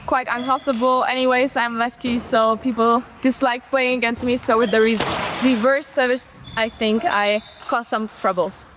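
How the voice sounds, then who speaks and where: High-voiced teenage woman athlete. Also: steady tone, normal speed, a bit bright, a little hiss or hum. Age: teens. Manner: chatty, playful.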